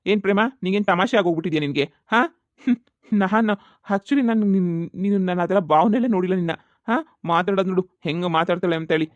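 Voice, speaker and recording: Voice actor doing cartoon man, exasperated, dismissive, quick scolding talk, dry studio sound. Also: mid-range voice, no echo, muffled recording, natural voice. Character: exasperated man refusing a marriage. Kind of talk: cartoon comedy voice acting.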